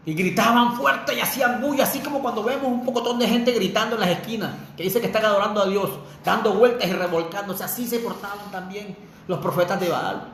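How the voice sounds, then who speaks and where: A man's voice: sits high, a bit bright. A man preaching a sermon fervently, putting rhetorical questions straight to his listeners. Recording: echoey room with faint noise.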